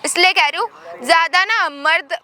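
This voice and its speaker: A woman's voice: very high-pitched, normal speed, sharp tone, exaggerated voice. A woman acting a scheming, domineering young wife who taunts and threatens her husband in a skit. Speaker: actor in a short domestic drama skit.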